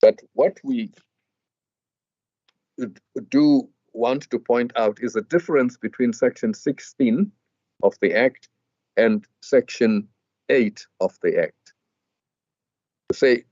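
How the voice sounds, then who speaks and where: A man arguing a legal point before a judge, formal and measured, with some hesitant fillers and restarts. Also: mid-range voice, a little mellow, no echo. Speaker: advocate arguing in court. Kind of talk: legal argument. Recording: dull lo-fi dry hearing audio.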